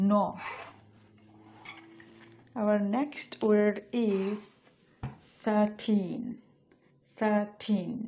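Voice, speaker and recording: Soft-voiced woman teaching pronunciation. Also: medium pitch. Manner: repeats each word slowly and clearly, then explains it. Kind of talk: spoken language lesson.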